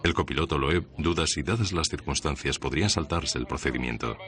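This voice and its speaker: A man reading a scripted documentary narration in a measured, serious way. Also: rumbling low. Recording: music under the voice. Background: background music.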